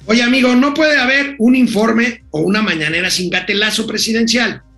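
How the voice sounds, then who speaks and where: An older man with a Mexican accent, his voice high and bright. He talks fast and loose on a political talk show and reads out comments from listeners. Faint music plays behind him. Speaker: co-host.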